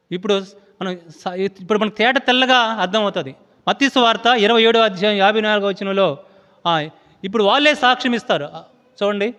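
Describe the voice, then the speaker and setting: A male pastor preaching in a church hall. His voice sits very high and sounds bright and forceful. He keeps asking the congregation questions, restarts his phrases and lets a long reverb trail after his words. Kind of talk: sermon.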